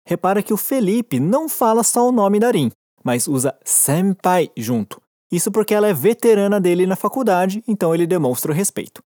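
A woman with a Brazilian Portuguese accent teaching Japanese in a recorded lesson, patient and encouraging, slowing down to model each phrase. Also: medium pitch, sing-song, mellow, no room sound, studio quality.

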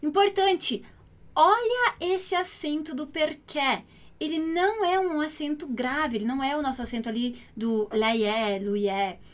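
A woman with a high voice teaches a language lesson in a patient, explanatory way. She grew up in Italy and slows right down to spell out each example phrase before explaining it. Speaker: Italian teacher.

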